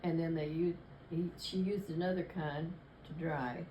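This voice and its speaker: A woman's voice: sits low, fairly even intonation, a little slow, mellow, roomy sound, slight background noise, rough recording. An older woman chatting with family, rambling and correcting herself as she recalls things. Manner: rambling, self-correcting storytelling. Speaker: interviewee. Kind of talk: casual family chat.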